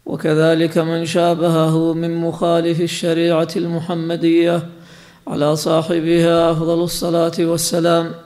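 A man with a fairly high voice reads a religious text aloud in class. His recitation is measured and nearly flat in pitch, with almost no rise or fall. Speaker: student reading the text aloud.

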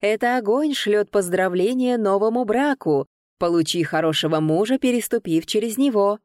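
A short, fussy little steward in silver robes bellows wedding proclamations at the top of his voice, as a woman reads him. He sits high and loud, announcing each rite like a herald in an audiobook. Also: normal speed, no echo, studio quality, close to an everyday voice. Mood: proclaiming.

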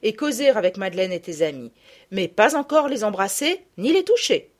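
A woman voicing a gentle, caring mother in a storybook reading, speaking kindly and softly. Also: medium pitch, big pitch swings, normal speed, close to an everyday voice.

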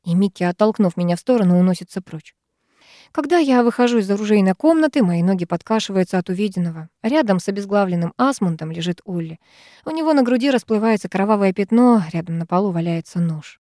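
A woman's voice: medium pitch, animated, fast, dark tone, no echo, studio quality. A woman narrating first-person fiction as an audiobook, dramatic and emotive.

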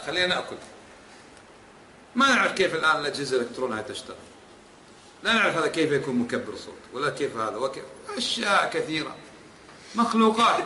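High, bright-voiced male scholar lecturing. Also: slight background noise. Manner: rhetorical questions to the audience; emphatic, repeats for stress. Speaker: Islamic scholar teaching a book. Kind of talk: religious lecture. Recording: echoey hall with faint ambience.

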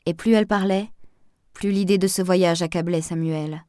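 Low-voiced woman narrating an audiobook. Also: dry recording, studio quality. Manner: measured, even storytelling.

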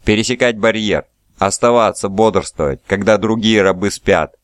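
A man's voice: on the low side, moderate pace, no echo, lightly acted. Proud, contemptuous noblewoman read by a male narrator, imperious tone, dry close sound, audiobook. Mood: scornful. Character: proud scornful young noblewoman, fiery.

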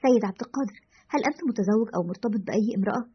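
A woman's voice: on the high side, very fast, breathy edge. A woman reading as a commanding man radio host. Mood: probing. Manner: firm, instructing. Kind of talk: storytelling narration. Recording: lo-fi dull audio.

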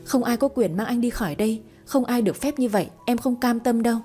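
A woman's voice: a little high, fast, dark tone, faint music behind, close to an everyday voice. A woman voicing an obsessive, hysterical young woman in a read-aloud romance story. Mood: desperate.

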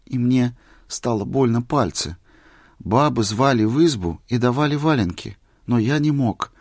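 A man's voice: medium pitch, measured pace, no echo, clean studio sound, pitched above the performer's own voice. A man reading as a meek wandering holy man. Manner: quiet, plain, humble. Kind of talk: story reading.

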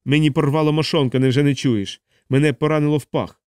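A man's voice: fairly high pitch, fairly even intonation, quick pace, a little mellow, clean tone, dry recording, clean studio sound, natural voice. A man reading a novel aloud, voicing a wounded young bombardier who begs for help. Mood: fading weakly. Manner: pleading, then fading and weak.

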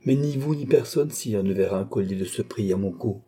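A dignified young queen speaks with earnest resolve in a storybook reading, voiced by a man. The tone is dark and mellow, with a husky grain. Her lines come steady and measured. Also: fairly low pitch. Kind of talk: audiobook reading.

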